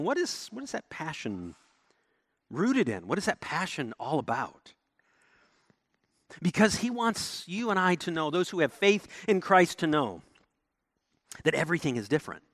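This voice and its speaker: A pastor delivers a sermon with real animation, moving between forceful declarations and hushed, low lines. The recording has no echo.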